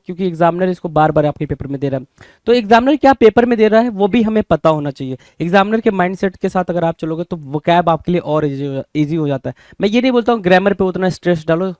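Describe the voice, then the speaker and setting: High-voiced teacher, dry close sound. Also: male voice, a little mellow, no room sound. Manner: repeats questions to the class, addresses viewers as bhai. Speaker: vocabulary teacher. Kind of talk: Hinglish exam-prep lesson.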